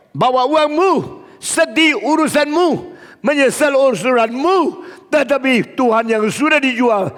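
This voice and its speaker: A man's voice: very high voice, fairly bright tone, heavily acted. A preacher voicing a harsh, dismissive male Pharisee elder who refuses a plea. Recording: long hall reverb.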